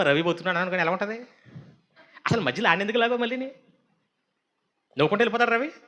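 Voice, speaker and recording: A male pastor delivering a sermon with a high, bright voice. He is animated and acts out mocking asides and quoted voices as he goes.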